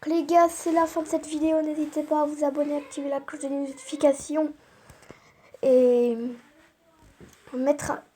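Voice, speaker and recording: A woman's voice: high voice, little pitch movement, normal speed, pauses often, mellow. A woman casually commenting on her own gameplay, hesitant and full of fillers, often saying "hop". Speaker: YouTuber playing a mobile game.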